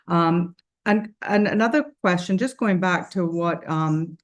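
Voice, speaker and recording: A charity founder speaks on a casual panel discussion in a lowish, slightly slow voice. She is earnest but rambles, with many fillers and restarts.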